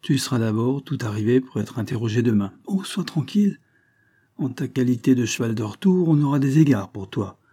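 A man's voice: medium pitch, animated, brisk, mellow, slightly rough. A man voicing a small, frail, ironic police agent in a storybook reading, with a teasing, mocking manner.

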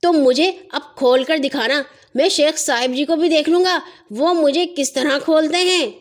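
High-pitched stubborn padlock that grumbles loudly in a kids' story, a woman acts it out. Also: close to an everyday voice. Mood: angry. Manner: loud, complaining, quick when angry. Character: grumpy stubborn male padlock, easily angered. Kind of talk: children's audio story.

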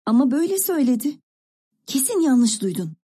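Woman doing a teenage older sister, musing, hushed, dark mellow tone, husky. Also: high-pitched, very animated, fairly quick, pitched above the performer's own voice, heavily acted. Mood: insistent. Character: thoughtful teenage older sister, secretive storyteller.

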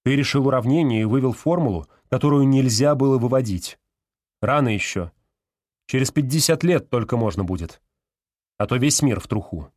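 Man doing a firm calm security officer guy, patient, matter-of-fact. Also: mid-range voice, moderate pace, dry recording, studio quality, close to an everyday voice. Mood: stern. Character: stern, calm male security officer from a fate bureau. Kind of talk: audiobook character voice.

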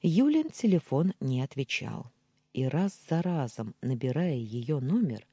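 A woman with a low, husky voice reads a first-person audiobook at an unhurried pace. Her tone is dark and mellow, and her pitch moves with lively expression. The delivery is calm and expressive. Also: dry recording. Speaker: audiobook narrator.

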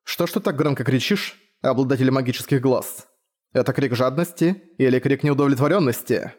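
A man voicing a calm, mocking ghostly father in a fantasy audiobook, speaking softly and unhurriedly. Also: mid-range voice, brisk, close to an everyday voice.

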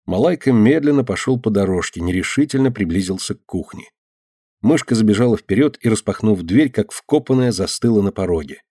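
A man reading a novel aloud in a measured, even scripted narration. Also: fairly low pitch, breathy edge, dry recording, clean studio sound. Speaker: audiobook narrator.

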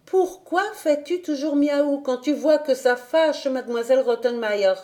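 A woman reading an audiobook voices a gentle young girl asking calm questions. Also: high voice, a little slow, voice pushed up.

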